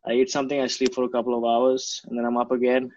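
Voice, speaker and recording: Speaking fast and in a monotone, a man with an Indian accent answers interview questions as a martial arts coach, bluntly and casually, full of slang. His mid-range voice has a darkish tone, and the recording is dry but slightly dull, with no room sound.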